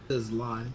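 A man's voice: mid-range voice, gravelly, darkish tone, slight background noise. Man muttering through a frozen video call. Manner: mildly frustrated, swears now and then. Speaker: streamer. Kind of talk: casual live-stream chat.

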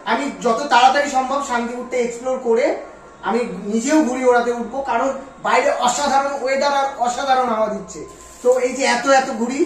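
Loud vlogger in heavy booming echo. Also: male voice, slight background noise. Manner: talks very loudly, eager and excited. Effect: heavy booming room echo. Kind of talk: casual vlog talk to camera. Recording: very echoey room, voice from a distance.

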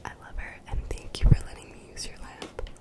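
Young female, fully whispered ASMR, soothing and encouraging, repeats phrases, very close on the mic. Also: brisk. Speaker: ASMR video creator. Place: small bedroom, indoors. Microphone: desktop condenser mic, very close.

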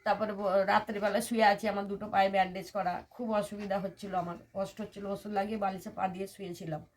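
An older woman from West Bengal, India, who is a temple devotee, narrates her personal story for an interview with earnest detail and many reported quotes. Her mid-range voice is delivered flatly at a quick pace.

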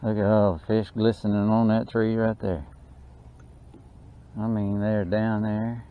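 On a small lake boat, a fishing channel host speaks in a lowish voice at a measured pace, excitedly narrating his fishing. His drawling exclamations mix with muttered remarks to the fish, recorded through dull, faintly noisy audio from an action camera mounted on the boat.

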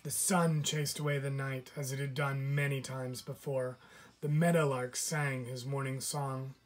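A man, a teacher, reading a children's picture book aloud to his class in a deliberate, unhurried way. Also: mid-range voice, flat delivery. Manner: slow, deliberate storybook reading.

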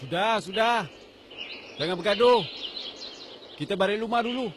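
A man's voice: high voice, normal speed, noisy background, close to an everyday voice. A man playing a bossy, fretful older village uncle in a voice drama, speaking with a tinge and scolding often. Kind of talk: amateur voice drama. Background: music.

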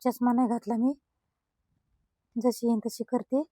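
A woman's voice: a little high, flat delivery, unhurried, warm tone, dry recording. A middle-aged woman, vlogging casually from an outdoor cow shelter and coaxing the cows in a sing-song voice. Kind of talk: casual vlog narration.

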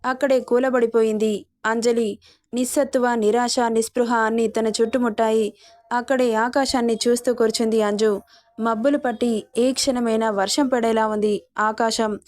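A woman reading a serialized romance story aloud, steady and expressive. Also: fairly high pitch, moderate pace, dry recording, clean studio sound.

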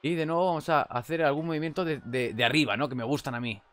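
A young man with a Spanish accent commentating on a wrestling video game. He chats casually and shouts at big moves. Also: a little high, fairly even intonation, fast talker. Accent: Spain Spanish. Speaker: gameplay commentator.

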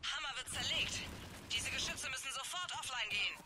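A man's voice: extremely high pitch, normal speed. A man voicing a male starship captain who urgently reports over a crackly sci-fi radio link, terse and military. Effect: crackly sci-fi radio transmission. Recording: distant voice under loud noise.

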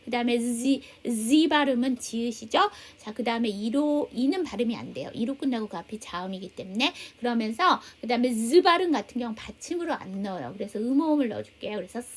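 Patient, slightly high-voiced woman teaching. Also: expressive. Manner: patient, explains slowly, spells out letters. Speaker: English teacher at a seniors' welfare center. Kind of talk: classroom lesson.

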